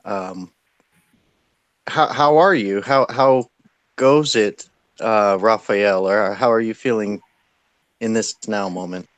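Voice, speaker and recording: A man's voice: fairly low pitch, slow pace, long pauses, no echo. A man interviewing in a spiritual session, asking reverent questions in a hesitant, deferential way.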